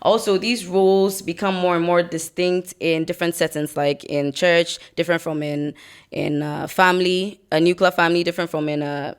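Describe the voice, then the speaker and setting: Smooth low-voiced woman. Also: steady tone, moderate pace. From Ghana. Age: young adult. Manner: thoughtful, explains at length. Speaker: podcast co-host. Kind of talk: casual podcast chat.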